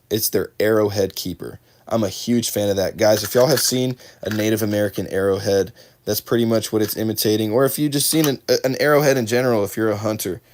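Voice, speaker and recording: A fishing livestream host with a lowish, slightly failing voice chats with his viewers during a live unboxing, calling them by name and fixing his own slips along the way. Slight background noise is audible.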